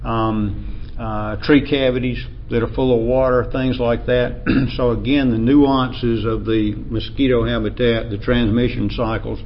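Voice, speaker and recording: A male lecturer speaks with an Appalachian American accent in an informal academic style. His delivery is measured and somewhat halting, broken up by throat-clearing. The recording is dull and lo-fi, with faint noise behind him. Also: mid-range voice, flat delivery. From Appalachian United States.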